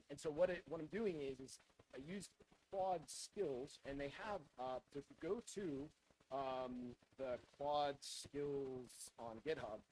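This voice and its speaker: A man's voice: a little high, a little mellow, slight background noise, low-quality recording. A man giving an informal technical lightning talk, often restarting and repeating his phrases.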